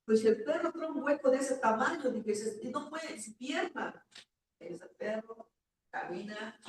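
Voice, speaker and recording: A woman's voice: on the high side, animated, measured pace. Mexican lady pastor telling her testimony at church, emotional, really echoey hall, mic far away, bit of noise. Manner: emotional storytelling, acting out dialogue. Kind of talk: personal testimony sermon.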